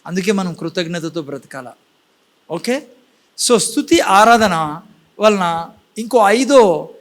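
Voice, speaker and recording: A pastor preaching in church in a lively sermon style, firing questions at the congregation and mixing in words. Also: male voice, sits high.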